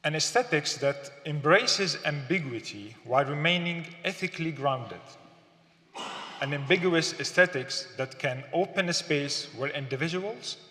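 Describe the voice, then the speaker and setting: A man from Syria giving a thoughtful, halting lecture as an artist, with fillers and repeated words. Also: on the high side, lively intonation, sharp tone. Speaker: artist giving a symposium talk. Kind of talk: public lecture. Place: gallery lecture hall. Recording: echoey hall, long reverb.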